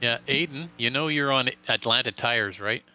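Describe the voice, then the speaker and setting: A male race director speaks over group voice chat, his tone bright and forward. He organizes the drivers in a relaxed, easygoing way, pausing on the odd "uh". The pitch sits at an ordinary middle level. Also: dull audio. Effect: heard over group voice chat. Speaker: race director of an online racing league. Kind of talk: casual voice chat, then giving a race briefing.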